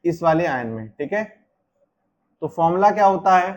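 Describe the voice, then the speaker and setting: A man's voice: a little high, lively intonation, moderate pace. A man teaching a chemistry class, explaining step by step and asking and answering his own questions. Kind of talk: classroom lecture.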